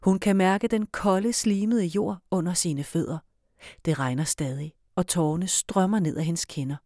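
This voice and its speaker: A woman narrating a children's storybook in a calm, even reading voice. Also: on the low side, no room sound, clean studio sound.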